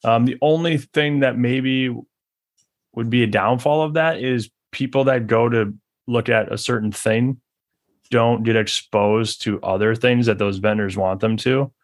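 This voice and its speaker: A man hosting a podcast interview, talking in an easygoing, halting way with frequent restarts. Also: medium pitch, steady tone. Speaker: podcast host. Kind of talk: casual interview chat.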